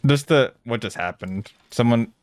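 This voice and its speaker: A man streaming a horror game, chatting live, easily scared and quick to swear. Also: mid-range voice. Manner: swears freely.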